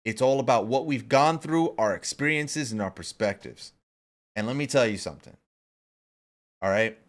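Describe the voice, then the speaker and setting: In casual conversation as a podcast co-host, this thirtysomething man delivers emphatic, profanity-laced motivation. He has a mid-range voice and speaks in an animated way at normal speed.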